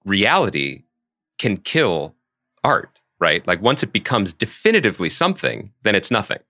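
A man's voice: on the low side, big pitch swings, normal speed, pushed and bright, no echo, studio quality. A man hosting a podcast interview, speaking in a thoughtful, articulate way. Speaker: podcast host.

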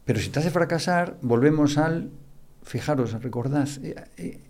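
Older guy, gravelly voice, psychiatrist lecturing on a podcast, hammers key words over and over. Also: on the high side, moderate pace, darkish tone. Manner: didactic, repeats key words for emphasis. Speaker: psychiatrist guest. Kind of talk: explanatory podcast interview.

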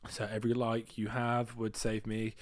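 A man's voice: fairly low pitch, monotone, normal speed. British man with a slightly Americanized accent. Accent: British, partly Americanized. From Britain. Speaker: show host. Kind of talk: playful improvised banter to camera.

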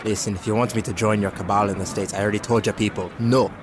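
Actor as a low-voiced gruff old seafarer. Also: male voice, steady tone, quick pace, close to an everyday voice. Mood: gruff, wary. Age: older. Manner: gruff, folksy, old-fashioned turns of phrase. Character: gruff, wary old retired field agent and sailor. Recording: clear outdoor dockside noise behind.

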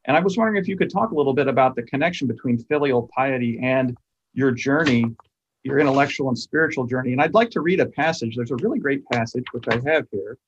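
A man interviewing a guest, asking measured, thoughtful questions. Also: medium pitch, expressive, slightly rough, highs cut off.

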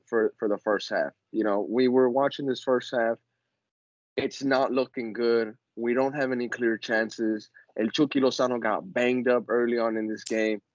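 A man's voice: mid-range voice, no room sound. A man hosts a casual sports podcast in slangy frat-bro style. His mid-range voice is recorded very dry, with a slightly dull, lo-fi tone. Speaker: podcast host.

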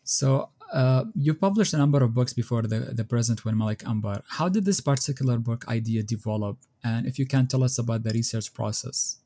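A man hosting an interview podcast, reading a formal introduction and asking measured questions. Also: medium pitch, dark tone. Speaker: podcast host.

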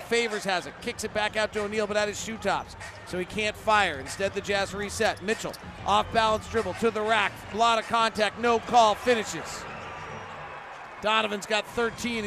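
A man doing live basketball play-by-play, in clipped running descriptions that burst into excited calls. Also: high voice. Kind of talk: live game commentary. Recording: noisy arena sound. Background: gym noise, bouncing basketball.

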